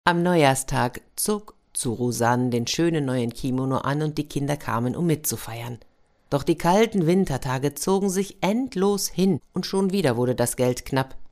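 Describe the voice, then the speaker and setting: Female storyteller, fairy tale narration, low voice, lively manner. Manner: warm, lively storytelling with sound effects.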